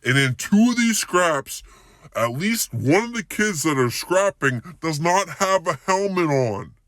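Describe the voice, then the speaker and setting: A hockey coach telling a wild story casually, excitable and animated, tripping over repeated words. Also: male voice, fairly high pitch, unhurried, dry recording, clean studio sound.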